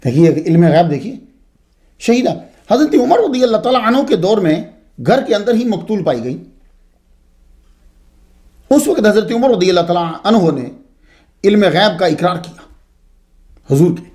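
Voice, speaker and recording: Lecturing on religious history, a man speaks in a high voice at a moderate pace, leaving long pauses. His storytelling is expressive and digressive, full of asides.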